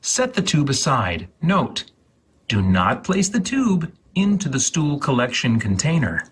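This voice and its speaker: This man's medium-pitched, husky, breathy voice lurches through huge pitch swings as he hosts. He reads step-by-step instructions in a slow, dramatic way with overdone enunciation.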